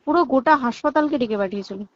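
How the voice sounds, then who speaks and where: A young woman who works at a hospital chats on a recorded phone call, her high, expressive voice moving fast. With a West Bengal accent, she recounts events emphatically and keeps checking that the listener is following along.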